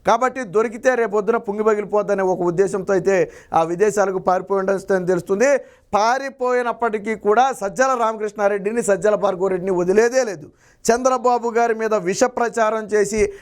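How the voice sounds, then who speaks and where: A male political analyst giving heated commentary, combative and firing repeated rhetorical questions. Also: sits high.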